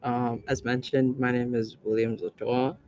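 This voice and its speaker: A man's voice: medium pitch, level tone, measured pace, darkish tone, low-quality recording. A young man from El Salvador, a college student, reading prepared testimony at a meeting. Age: young adult. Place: meeting room.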